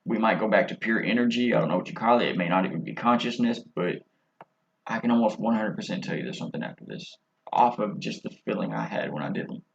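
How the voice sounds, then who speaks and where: A man's voice: fairly low pitch, fast talker, vocal fry, slight background noise. A man hosting a podcast, telling a personal story in a candid, casual and profane way. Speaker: podcast host. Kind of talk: casual chat. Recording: slightly muffled audio.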